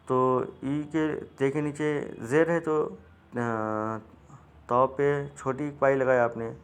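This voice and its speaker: A man's voice: mid-range voice, clear, resonant tone. A man, teaching a reading lesson step by step in a patient, repetitive way. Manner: patient, repetitive, frequent restarts.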